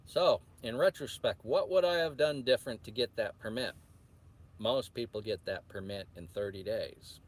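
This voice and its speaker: A truck driver vlogger chats casually to viewers in a medium-pitched, slightly rough voice at normal speed. He rambles hesitantly, interrupting himself and frequently restarting sentences.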